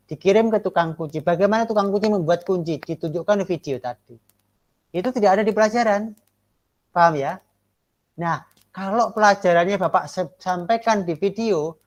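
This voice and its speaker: A man gives a classroom lecture and feedback to trainee teachers. He keeps checking for agreement with short rhetorical questions. He slows down to stress the words that matter. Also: a little high.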